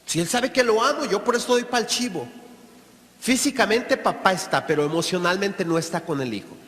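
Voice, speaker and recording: High-voiced preacher in a hall. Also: male voice, animated, normal speed, fairly bright tone. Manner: emphatic, speaks straight to the audience. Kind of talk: preaching talk. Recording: long hall reverb.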